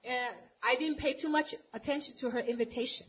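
Woman interpreting live at church, high voice, quick self-corrections, muffled lo-fi recording. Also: steady tone, a little hiss or hum. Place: church meeting.

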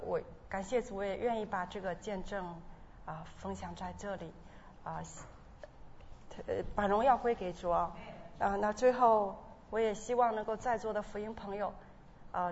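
A woman's voice: mid-range voice, a little mellow. An earnest woman shares her personal testimony before a congregation, often stumbling and restarting. Her voice carries a long hall echo, a dull, muffled tone and a faint hum of ambience behind it. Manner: earnest, emotional, with halting restarts. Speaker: church member giving testimony. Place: church hall.

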